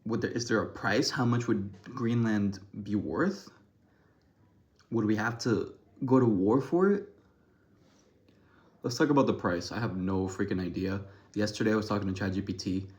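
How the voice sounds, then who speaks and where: A young Ecuadorian vlogger rambles casually to the camera, thinking aloud with many restarts and self-deprecating asides. His voice is on the low side and darkish, at a moderate pace with frequent pauses.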